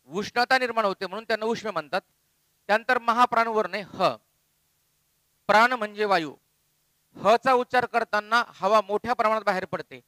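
A man with a high, bright voice teaches grammar. He explains step by step and repeats letters slowly. The sound is dry and close, with no room echo. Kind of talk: classroom grammar lesson.

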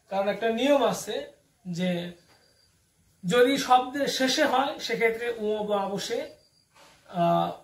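A man teaching a Bangla grammar lesson. He keeps asking his students questions and answering them himself. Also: sits high. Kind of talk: classroom lesson. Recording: echoey room, voice from far off the mic.

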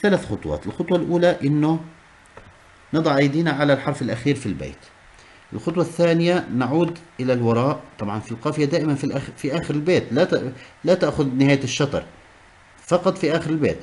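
A man's voice: a little high, expressive, very fast, darkish tone. A man teaching a class, explaining step by step and repeating key terms. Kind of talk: classroom lesson on Arabic prosody.

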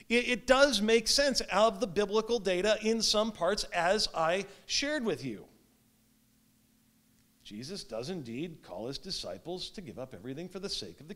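A man in his thirties preaching a sermon as pastor, speaking with wide swings in emphasis and loudness, recorded standing in a small church sanctuary. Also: sits high. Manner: gestures while preaching standing up. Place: small church sanctuary with stone fireplace, indoors.

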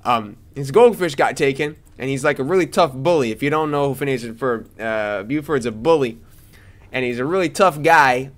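A young man giving casual commentary as he plays a game, chatty and excitable, talking to the characters on screen. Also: moderate pace. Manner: excitable, jumps to high squeals. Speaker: let's play gamer.

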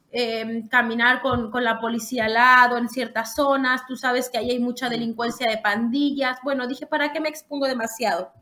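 On a relaxed podcast interview, a young woman guest who walks long distances explains her lengthy walk in a Mexican accent, starting over many times as she goes. She sounds high-pitched and fairly bright.

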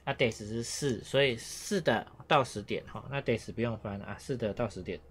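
A man walks beginners through a Japanese lesson at an even, middle pitch. He explains patiently, repeating words and dropping frequent "oh" fillers. Faint noise and keyboard clicks sit behind his voice. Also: fairly quick. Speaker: Japanese teacher. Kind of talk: online language lesson.

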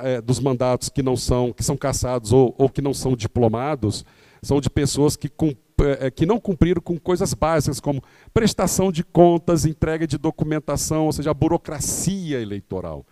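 A man's voice: mid-range voice, brisk, dark tone, no room sound. A Brazilian man giving an explanatory lecture on campaigns to candidates, with many fillers and tag questions. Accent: Brazilian Portuguese.

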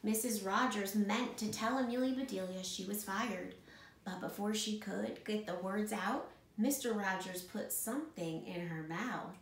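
A woman school principal reading a picture book aloud to children in a warm, expressive way. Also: mid-range voice, a little slow, roomy sound.

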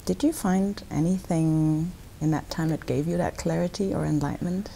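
Low-voiced young woman presenter. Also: fairly even intonation, moderate pace, creaky, mellow, slight background noise. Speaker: interview presenter. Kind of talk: scripted interview questions. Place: dark television studio set.

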